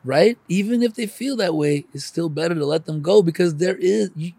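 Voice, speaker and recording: Born in Ukraine and emigrating at age four, this middle-aged man talks candidly and emphatically in a casual, confessional chat, swearing and throwing in "man" and "dude." His voice is on the high side, gravelly and warm with a breathy edge, at a moderate pace in a dry recording.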